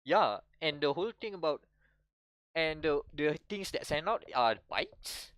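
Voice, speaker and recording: Young man, Malaysian English accent, casual podcast chat, rambling, animated, dry close sound. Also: fairly high pitch, a little slow, clean tone, no echo. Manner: rambling, animated, with many restarts and laughs. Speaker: podcast co-host.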